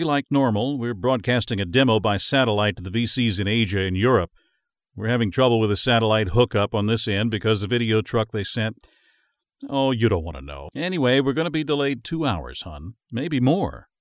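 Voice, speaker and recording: A male narrator voicing a busy, distracted working wife, talking fast and apologetically. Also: medium pitch, expressive, dry recording, studio quality, lightly acted. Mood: hurried, apologetic. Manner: hurried, apologetic, breezy.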